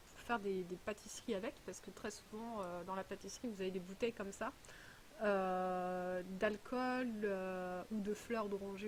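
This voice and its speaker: A woman's voice: mid-range voice, slight background noise. A woman vlogger chatting casually while unboxing a parcel, rambling and full of hesitations. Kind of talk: casual chat.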